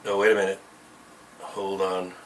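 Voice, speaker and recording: On a casual trading livestream, a man with a low, monotone voice speaks at normal speed, far from a camera mic that adds a tinny, tin-can quality plus a little hiss or hum. He's blunt, swears freely and keeps starting his sentences over.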